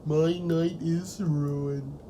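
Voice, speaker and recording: An actor performs an ancient pumpkin-headed evil being for a comic audio drama. The voice is very mellow and slow, sulking and sentimental in a theatrical way. A faint noise and rumble sit under it. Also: steady tone. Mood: sulky, self-pitying. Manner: theatrical, self-pitying declarations of evil. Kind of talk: comedic audio drama acting.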